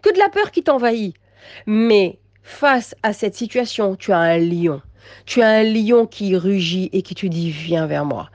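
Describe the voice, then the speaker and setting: A woman giving an inspirational religious talk to women, emphatic and repetitive, moving between soft passages and raised ones. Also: medium pitch, animated, measured pace, dry recording, muffled recording. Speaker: religious teacher addressing women.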